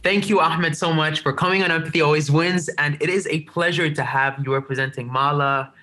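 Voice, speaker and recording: A man's voice: on the high side, steady tone, a little fast, pushed and bright. A man hosting a podcast interview on a remote call. He asks long, rambling questions with enthusiasm. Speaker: podcast host.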